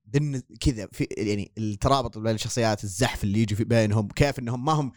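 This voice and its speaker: A man's voice: fairly low pitch, very fast, a little mellow, no room sound, clean studio sound. A man hosting a casual podcast chat, easygoing and moving the talk along. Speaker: podcast host.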